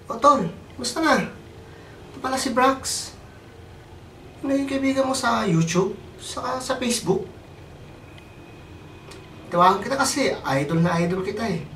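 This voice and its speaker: A man's voice: very high voice, animated, normal speed, long pauses, a bit bright. A young man making a teasing comedy phone call, mocking the other man. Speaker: comedy sketch caller. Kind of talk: comedic phone prank sketch. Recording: echoey room, mic at a distance, faint noise.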